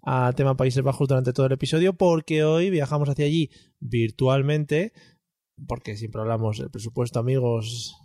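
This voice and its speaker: A man's voice: mid-range voice, normal speed, dark tone, no room sound, clean studio sound. A man with a Castilian Spanish accent co-hosting a podcast in casual, slangy, joking banter. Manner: jokey, slangy. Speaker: podcast co-host.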